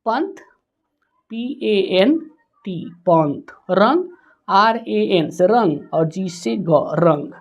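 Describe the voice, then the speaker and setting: A woman gives a spelling lesson at a very slow, deliberate pace, spelling each word out one letter at a time. Her pitch sits in the middle range for a woman. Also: lively intonation, darkish tone, dull audio. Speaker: teacher.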